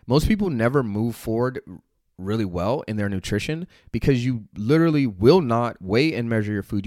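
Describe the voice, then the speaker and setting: Intense low-voiced motivational fitness man. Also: a little mellow, no room sound, clean studio sound. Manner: intense, swears casually, many "like" and "right?" fillers. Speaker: fitness company owner. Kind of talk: motivational talk.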